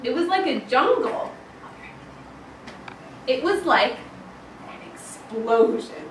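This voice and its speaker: A woman primary school teacher reading a picture book aloud to a young class with expressive, emphatic storytelling. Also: sits high, slow pace. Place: indoor classroom, children present. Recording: echoey classroom from far off, some noise.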